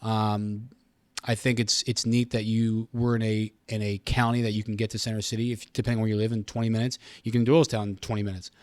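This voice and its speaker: A middle-aged man from Pennsylvania with an American accent, a radio station communications director appearing as a podcast guest, explains things earnestly in a casual interview, often doubling back on his phrases. His fairly low, slightly mellow voice holds a level tone, moves a little fast, and is recorded dry.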